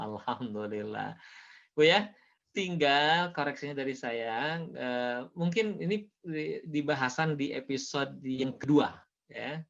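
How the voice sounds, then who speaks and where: Man teaching recitation over a video call, drawn-out repeated sounds, bit muffled. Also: mid-range voice, vocal fry. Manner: patient, corrects by drawing out and repeating sounds. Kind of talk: online recitation lesson.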